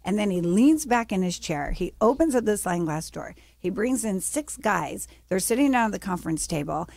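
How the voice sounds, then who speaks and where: Animated middle-aged woman telling her story. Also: moderate pace, gravelly, no room sound. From United States. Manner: animated storyteller, acts out quotes with raised pitch. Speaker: guest, business founder. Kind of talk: casual interview storytelling.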